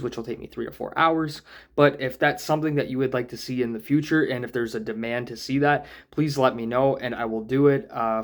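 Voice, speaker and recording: A man talking through a comic book analysis for his channel. He sounds thoughtful and unhurried, with a voice of ordinary pitch, and he pauses to muse and add small asides. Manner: thoughtful, musing, with small hedges and fillers. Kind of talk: casual spoken analysis monologue.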